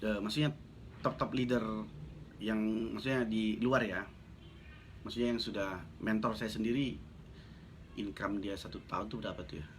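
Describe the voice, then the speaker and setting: A man's voice: lowish voice, fairly even intonation, moderate pace, long pauses, slight background noise. A man talking blunt and casual on a live stream, reading out viewer comments and joking as a network marketing coach. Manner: blunt, joking, chatty, laughs often.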